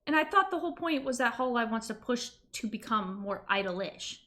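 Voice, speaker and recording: Female streamer, high bright voice, informal animated reaction talk. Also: brisk. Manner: animated, informal, emphatic retelling with quoted reactions. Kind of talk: casual reaction chat.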